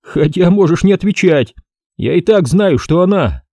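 A cocky young male lieutenant who teases the others, played by a man reading an audiobook. His voice is pushed higher than the narration and moves lively. The sound is dry and close. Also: normal speed, dry recording. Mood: teasing. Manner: teasing.

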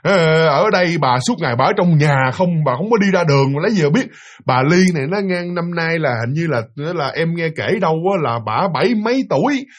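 A man's voice: a little high, animated, brisk. A man with a Southern Vietnamese accent telling a ghost story casually, rambling and repeating himself while addressing his listeners.

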